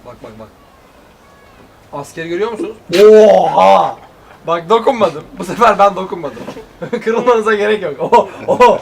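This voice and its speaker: High, animated young man in noisy banter. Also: moderate pace, vocal fry, crowd noise. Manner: exclamatory, slangy, teasing. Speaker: challenge video participant. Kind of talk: excitable casual banter. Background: friends shouting and laughing.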